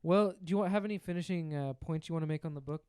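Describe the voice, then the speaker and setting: A man's voice: a little high, fast, dark tone, clear, resonant tone, no room sound, studio quality. A young man co-hosting a podcast, easygoing and teasing, with a few ums in casual chat. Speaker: podcast co-host.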